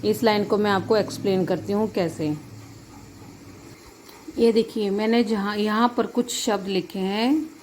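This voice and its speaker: A woman's voice: medium pitch, steady tone, measured pace, long pauses, darkish tone, slight background noise. Patient woman teaching grammar. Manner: patient, explains each point twice with checking questions; addresses students as children. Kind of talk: Hindi grammar lesson.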